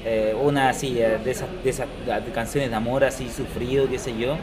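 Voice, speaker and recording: A man's voice: mid-range voice, fairly even intonation, brisk, a crowd in the background, low-quality recording. A man, co-hosting a casual podcast discussion and thinking aloud with many fillers. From southern Chile. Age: 30s. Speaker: podcast co-host.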